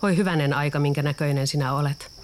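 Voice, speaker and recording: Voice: mid-range voice, steady tone, a little hiss or hum, close to an everyday voice. A storyteller voicing a fussy mother duck who frets over her eggs and chicks in a children's storybook. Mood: fussing. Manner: exclaiming, fussing.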